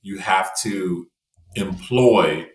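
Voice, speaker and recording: This American man speaks extremely slowly in a low voice, with reverb and slight background noise around him. As a podcast guest, he keeps the casual interview loose, filling gaps with "you know" and similar words.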